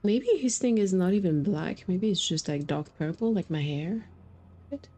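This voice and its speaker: Speaking at a normal speed, a woman with a fairly low, warm, animated voice streams a game and comments casually, cracking jokes into her mic. Faint game music sits in the background.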